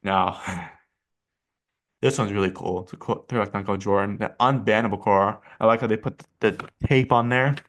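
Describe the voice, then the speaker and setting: A man's voice: on the low side, steady tone, moderate pace, fairly bright tone. Rambling man giving casual reactions. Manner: rambling, hesitant, many fillers and restarts. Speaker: channel host rating paint schemes.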